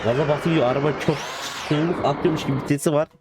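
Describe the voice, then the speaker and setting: A man giving casual gameplay commentary as a gaming video host, excitable and joking, playfully swearing and talking to the cars. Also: on the high side, quick pace. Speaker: gaming YouTuber. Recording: game car sounds in the background. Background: game engine and car noise.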